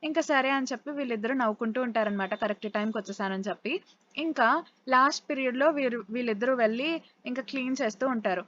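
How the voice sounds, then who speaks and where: A woman's voice: fairly high pitch, quick pace, a bit bright, dull audio. A woman casually retelling a drama scene by scene in a chatty way, quoting the characters' lines as she goes. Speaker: drama recap narrator. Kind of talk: casual storytelling recap.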